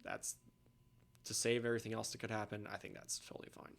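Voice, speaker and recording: A young man talking casually as a podcast guest, opinionated, often trailing off quietly at the end of a point. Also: on the low side, little pitch movement, fast, vocal fry.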